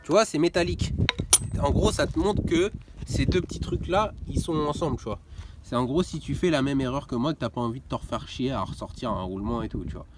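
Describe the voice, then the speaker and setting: A man's voice: medium pitch, fairly quick. Young man, slangy mechanic vlogger, swears a lot, casual how-to talk, noisy workshop in the background. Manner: slangy, swears, keeps saying "tu vois". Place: garage workshop.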